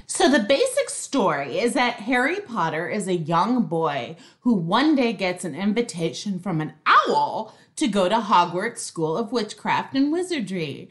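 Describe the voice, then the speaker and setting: A woman chatting casually as a podcast co-host. She sounds playful and upbeat, and her voice moves around a lot in pitch. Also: sing-song, measured pace, few pauses. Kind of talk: casual chat.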